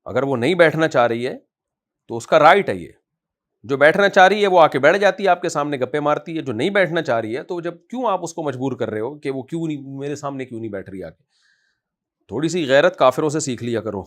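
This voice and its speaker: A man, an Islamic scholar, answering a question in a conversational religious talk, scolding and forceful in manner. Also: fairly high pitch, animated.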